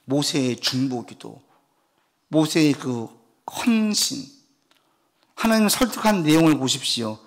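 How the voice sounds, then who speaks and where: A man preaching a weekday sermon as a pastor, moving between animated, acted-out lines and a soft, quiet plea to pray. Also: a little high, a little slow, pauses often. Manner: animated preaching, acts out God's and parents' lines; drops to soft, quiet delivery when urging prayer. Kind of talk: Wednesday sermon, Bible exposition.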